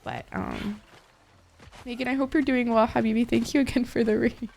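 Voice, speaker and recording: High-voiced, excitable cute woman streamer. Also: moderate pace, vocal fry, a little hiss or hum. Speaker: livestreamer playing a video game. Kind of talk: casual gaming livestream chat.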